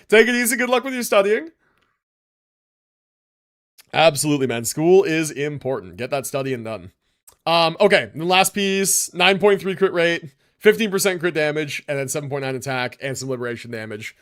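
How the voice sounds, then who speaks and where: A man with a fairly high voice and very lively, swinging intonation reviews game builds on a livestream at normal speed. Relaxed and slangy, he thinks aloud, moving easily between reading out stats and making remarks to viewers from chat.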